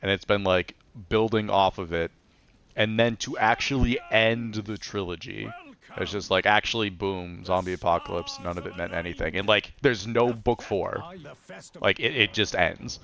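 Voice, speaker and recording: A man's voice: on the low side, steady tone, moderate pace, vocal fry, fairly bright tone, dull audio. A male streamer chatting casually on a live stream, rambling and saying "like" constantly. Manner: rambling, heavy use of "like".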